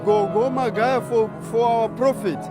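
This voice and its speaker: Man, high voice, fervent worshipper at a night gathering; loud music behind. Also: unhurried. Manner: emphatic, repeats phrases while praying aloud. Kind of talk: fervent prayerful testimony. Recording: noisy crowd and loud music. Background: crowd and music.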